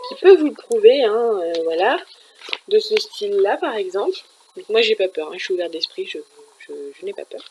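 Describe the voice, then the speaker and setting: A woman's voice: medium pitch, a little mellow, low-quality recording. A woman talking casually about her week's manga reading, chatty and full of fillers and restarts. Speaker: manga reviewer. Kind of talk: casual chat.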